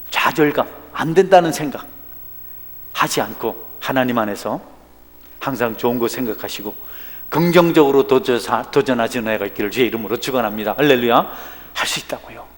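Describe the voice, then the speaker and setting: A male pastor, preaching a sermon in a church with big swings in loudness. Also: mid-range voice, expressive, normal speed, long pauses. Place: church sanctuary. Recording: long hall reverb.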